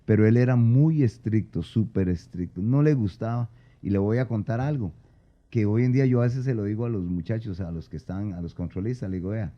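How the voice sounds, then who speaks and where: A man's voice: fairly low pitch, fairly quick, dull audio. A Costa Rican man, a guest, reminiscing in a plainspoken, earnest way. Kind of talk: casual reminiscing.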